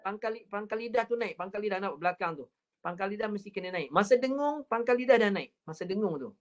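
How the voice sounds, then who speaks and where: A man with a Malaysian Malay accent teaching an online Quran recitation class, patiently repeating drills and drawing words out slowly to demonstrate. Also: sits high, expressive, highs cut off.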